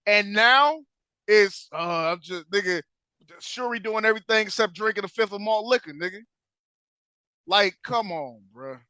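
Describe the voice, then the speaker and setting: A man co-hosts a podcast, ranting loudly and profanely in animated slang. His voice sits high and bright, recorded close and dry with no room around it. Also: normal speed, clean tone, dry recording. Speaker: podcast co-host. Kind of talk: casual podcast banter.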